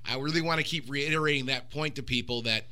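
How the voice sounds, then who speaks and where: A man's voice: mid-range voice, quick pace, bright, forceful tone, smooth. A man hosting a podcast in casual chat, rambling loosely and swearing now and then. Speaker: podcast host. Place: Michigan recording room.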